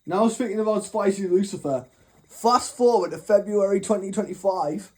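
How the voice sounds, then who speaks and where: This young man, the channel's host, speaks at normal speed in a high voice with a darkish tone. Still drowsy after waking, he rambles through a sweary storytime rant, full of mockery.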